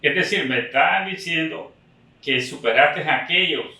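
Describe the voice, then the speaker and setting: A male interviewer with a bright, fairly high voice asks friendly questions in halting bursts. He sits some distance from the mic, and the room gives an echo. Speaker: interviewer, host.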